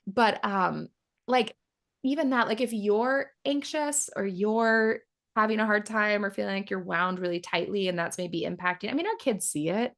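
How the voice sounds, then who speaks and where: Thirties woman yoga teacher; casual interview guest, animated storyteller who acts out quotes. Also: mid-range voice, moderate pace. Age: 30s. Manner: chatty, acts out quoted voices, laughs often.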